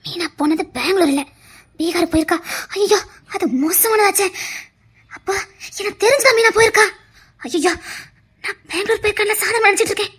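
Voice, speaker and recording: A woman doing a stern low-voiced village aunt. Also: fairly bright tone. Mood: distraught. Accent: Tirunelveli Tamil. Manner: commanding, low and deliberate. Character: stern scheming middle-aged aunt, head of family.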